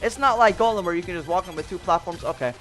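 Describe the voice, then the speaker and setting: Young male gaming host, slightly high voice, rambling and filler-heavy, faint music underneath. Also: quick pace, a bit bright. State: out of breath. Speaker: gaming youtuber. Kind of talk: casual ranking commentary.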